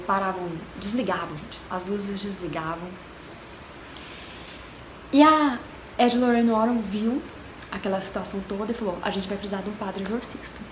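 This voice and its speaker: A woman telling a haunting story in a casual, chatty way, talking straight to her viewers and dropping to a hushed tone for the eerie parts. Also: mid-range voice. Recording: echoey room with background noise.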